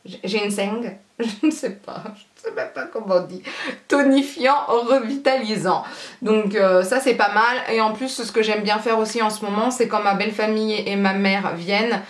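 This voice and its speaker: A woman's voice: medium pitch, moderate pace, roomy sound. A woman beauty vlogger in casual haul chat, chatty and rambling with a self-mocking humor.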